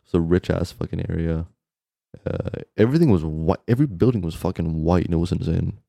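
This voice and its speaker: A man's voice: sits low, a little fast, vocal fry, mellow, dry recording, clean studio sound. A young man co-hosting a podcast, casually recounting things in sweary, bro-ish frat-boy slang. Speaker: podcast co-host. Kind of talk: casual chat, storytelling.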